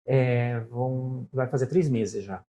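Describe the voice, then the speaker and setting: His voice sits at a medium pitch, warm and slow-paced. He's a middle-aged Brazilian with a São Paulo accent, a talkative interview guest casually telling stories and frequently saying "né?".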